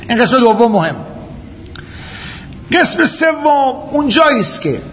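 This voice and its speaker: A man with a notably high voice delivers a seminary lecture on jurisprudence. He works through his cases methodically, restating points and throwing out rhetorical questions. The recording is dull and lo-fi, with a faint hiss underneath. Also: fairly bright tone. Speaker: seminary teacher.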